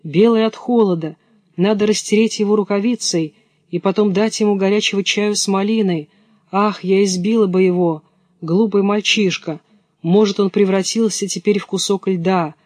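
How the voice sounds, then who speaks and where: A man reading the part of a gentle young girl who pleads earnestly. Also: high voice, steady tone, normal speed, dry recording, clean studio sound, close to an everyday voice.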